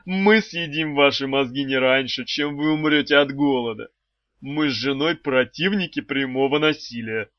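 A man voicing a genteel old male brain-eating shopkeeper, wheezy, slow and sugary-polite. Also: sits high, dry recording, voice pushed up. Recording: dull, slightly lo-fi dry recording.

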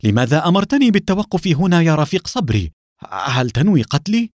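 A man voicing a frightened male Soviet officer who shouts and begs for his life. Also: mid-range voice, animated, fast, dry recording, studio quality, close to an everyday voice. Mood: begging. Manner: shouting, pleading, panicky.

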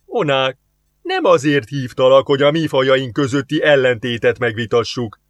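Smooth alien envoy, formal and calm, pitched a bit up, man doing it. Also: dry recording, natural voice. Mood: defensive. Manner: formal and calm, quoting rules. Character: smooth scheming male alien diplomat.

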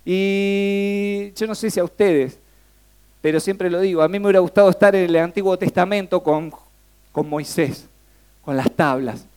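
A man's voice: sits high, normal speed, smooth. A young man with a Rioplatense accent preaching a sermon, talking conversationally and peppering the congregation with questions. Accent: Rioplatense Spanish. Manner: asks the congregation frequent questions, lively and conversational.

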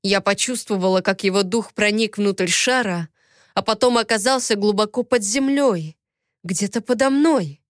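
Woman narrator, expressive first-person audiobook read, smooth clean voice, dry close sound. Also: mid-range voice, moderate pace, no room sound.

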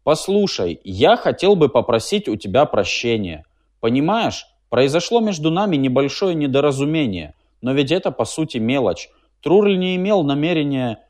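Man putting on a nervous inventor guy, high and lively, trying to smooth things over. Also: moderate pace. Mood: soothing. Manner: high, pleading, soothing. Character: anxious male inventor, placating and eager.

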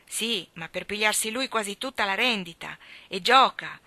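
A woman's voice: medium pitch, moderate pace, sharp tone, no room sound. A woman reading aloud voices a worried widowed mother who laments her sons in an anxious, pleading way.

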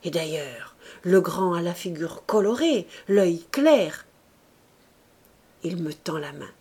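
A woman reading a novel aloud in an expressive, measured way, sometimes dropping to a hushed near-whisper. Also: on the low side, breathy edge. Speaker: audiobook reader.

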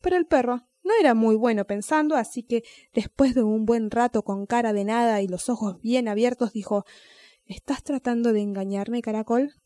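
A woman reading a children's story aloud with gentle, expressive storytelling. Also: fairly high pitch, normal speed, few pauses, no echo.

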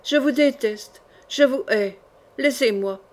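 A woman's voice: fairly high pitch, steady tone, moderate pace, natural voice. A woman reading an audiobook, voicing a pale, frightened young woman who pleads in a trembling voice.

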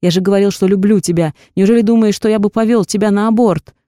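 A woman voicing a hot-tempered young man, a blunt, gruff boyfriend who shouts in anger. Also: mid-range voice, fairly even intonation, quick pace, dry recording, studio quality, lightly acted. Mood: furious.

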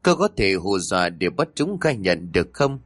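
A man narrating a ghost story in an expressive, dramatic way. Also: low voice, normal speed, no room sound, clean studio sound.

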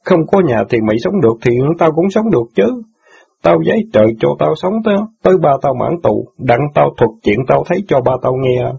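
A man's voice: on the high side, sing-song, fairly quick, gravelly, dark tone, breathy edge, heavily acted. A man voicing an angry, heartbroken young newspaper boy who pours out his grievances in an audiobook drama. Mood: aggrieved. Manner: bitter, aggrieved outbursts. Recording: dull lo-fi audio.

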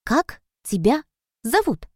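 An eager young girl detective, as a woman narrator puts her on, asking quick questions in a high, bright voice. The pitch jumps up with excitement. The sound is dry and close. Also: breathy edge, dry recording, exaggerated voice. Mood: curious. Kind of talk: storybook reading.

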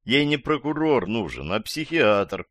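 A man's voice: mid-range voice, very animated, a little slow, fairly bright tone, no echo. A fed-up male investigator, read by a male audiobook narrator speaks in his own plain voice. He talks curtly and dryly, sighing at the nonsense around him. The sound is close and dry. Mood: exasperated. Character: exasperated male investigator Starkov. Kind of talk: audiobook character voice.

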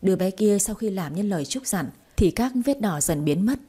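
A woman narrating a storybook aloud in a lively, expressive reading style. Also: medium pitch, normal speed, slightly rough. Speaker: audiobook narrator.

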